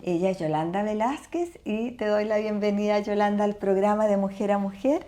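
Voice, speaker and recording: Mellow-voiced woman host. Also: medium pitch, moderate pace. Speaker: host and novelist. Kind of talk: interview hosting.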